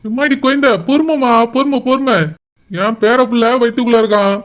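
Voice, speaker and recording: A man plays a doting middle-aged father in a cartoon who comforts his daughter tenderly. His voice sits high for a man and sounds clean and smooth. He talks in soft, reassuring phrases. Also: brisk. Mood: soothing. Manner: soothing, affectionate. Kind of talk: cartoon voice acting.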